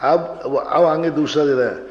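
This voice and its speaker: A man, a monk, teaching Sanskrit grammar to a class, quizzing students and chanting rules slowly. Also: fairly high pitch, darkish tone. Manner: questions the class and recites rules in slow chant. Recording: dull, roomy hall recording.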